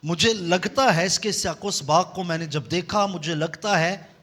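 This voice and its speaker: A man preaching a sermon, leading the congregation in call-and-response and swinging between loud emphasis and soft low passages. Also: measured pace. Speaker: pastor.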